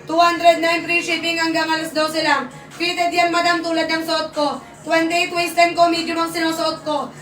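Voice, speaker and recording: A young Filipino woman hosting a live-selling stream, talking loud and near-shouting, urgent and repetitive as her voice gives out. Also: very high voice, completely flat delivery, normal speed, distant mic. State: losing her voice. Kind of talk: fast live-selling sales pitch. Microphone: phone. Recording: echoey room, off-mic, faint ambience.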